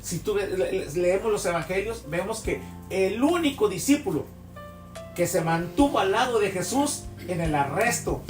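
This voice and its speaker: A man's voice: high-pitched, expressive, moderate pace. A man preaching a sermon, telling vivid stories and asking rhetorical questions. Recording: echoey hall, distant mic, soft music.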